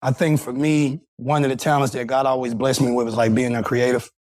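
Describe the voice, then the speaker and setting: A man's voice: medium pitch, flat delivery, fairly quick, a little mellow. A man co-hosting a podcast panel, talking through a personal answer in a reflective, casual way with fillers and restarts. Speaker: podcast co-host.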